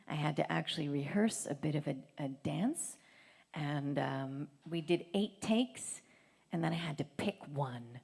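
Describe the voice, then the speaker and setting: A woman's voice: low voice, gravelly, a little mellow, slightly rough. A woman singer-songwriter talking as a guest in a live radio session, playful and at times whispery. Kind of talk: live radio performance and interview. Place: radio station live music stage.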